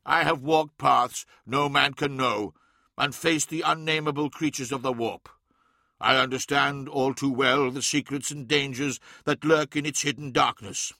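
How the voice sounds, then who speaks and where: A man's voice: medium pitch, steady tone, measured pace, vocal fry, bright, forceful tone, no room sound, studio quality. A man voicing an all-powerful godlike emperor who speaks in grave, commanding proclamations. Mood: solemn.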